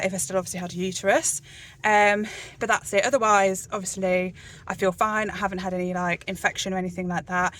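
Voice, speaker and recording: Brief: woman, casual phone vlog, chatty, easy laughter, mid pitch. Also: a bit bright. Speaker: vlogger. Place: hospital corridors, then a car. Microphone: handheld phone.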